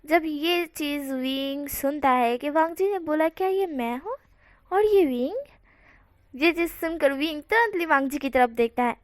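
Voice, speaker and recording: A woman's voice: sits high, no room sound, clean studio sound. A woman casually telling a fan-fiction story, dropping English words into her narration. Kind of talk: reading fan fiction aloud.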